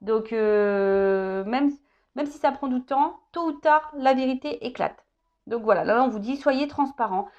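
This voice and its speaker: A woman in her thirties gives a casual tarot guidance reading, chatty and joking, tacking "hein" onto her phrases. Her voice is fairly high and darkish in tone, and she speaks a little slowly. The recording sounds muffled.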